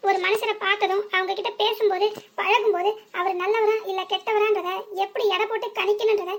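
Voice actor doing a squeaky, pleading young cartoon woman. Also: flat delivery, a little fast, fairly bright tone, a little hiss or hum. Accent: southern Tamil. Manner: pleading, earnest. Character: frightened young village woman. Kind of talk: cartoon voice acting.

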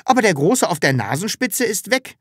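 A woman reading an audiobook voices a timid, earnest grown man who gets flustered easily, pitching herself above her natural voice. Her mid-range delivery is very animated at normal speed, recorded in studio quality with no echo.

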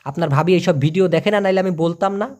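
Bangladeshi man, high-ish voice, casual teasing tutor who repeats phrases slowly. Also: a little mellow. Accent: Bangladeshi Bengali. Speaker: language teacher. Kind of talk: casual spoken lesson.

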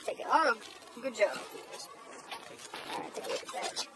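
A woman marine patrol officer questioning a boater at night, brisk and polite, recorded on a body camera on a small boat. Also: a little high, sing-song. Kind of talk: police boat stop on bodycam. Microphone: body-worn camera. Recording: noisy bodycam audio outdoors.

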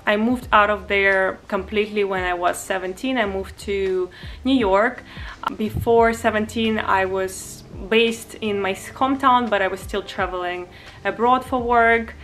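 Bright-voiced young Russian-accented woman. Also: mid-range voice, fairly even intonation, a little slow, slight background noise. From Far East Russia. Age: 20s. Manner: chatty, frequent "um" and "like", light laughs. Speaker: vlogger. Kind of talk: casual Q&A to camera. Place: bedroom, indoors. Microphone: camera at close range.

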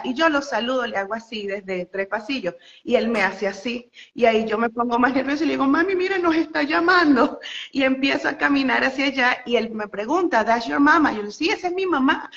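A woman's voice: fairly high pitch, a bit bright, dull audio. A young woman from Venezuela with a Venezuelan Spanish accent, telling a story as an interview guest with lots of fillers and laughter. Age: young adult. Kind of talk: casual phone interview storytelling.

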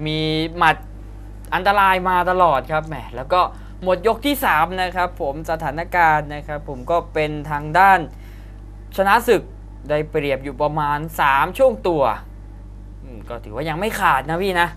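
A man's voice: a little high, normal speed, fairly bright tone. A man giving live Muay Thai commentary in an exclamatory way, reacting to each strike. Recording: broadcast with arena crowd noise behind. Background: faint fight-arena ambience.

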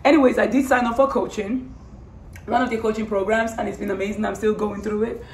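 A woman with a hoarse voice that is giving out, talking casually and earnestly in a personal vlog, rambling and repeating phrases for emphasis. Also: medium pitch, fairly even intonation, brisk. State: hoarse, losing her voice. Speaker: vlogger. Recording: roomy, distant mic, faint background noise.

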